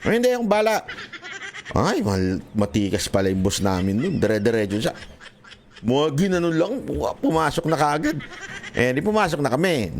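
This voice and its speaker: A man's voice: mid-range voice, a little hiss or hum. A man from the Philippines giving earnest commentary to his viewers, talking to them directly, slipping between Tagalog and English with frequent restarts. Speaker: political vlogger. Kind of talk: impassioned commentary vlog.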